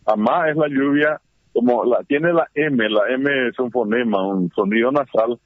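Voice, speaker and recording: A man's voice: medium pitch, measured pace, no echo. Man, radio guest, explanatory, hesitant fillers, phone-line sound. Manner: explanatory, with many fillers and restarts. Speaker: guest, Guarani scholar. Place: at home during heavy rain.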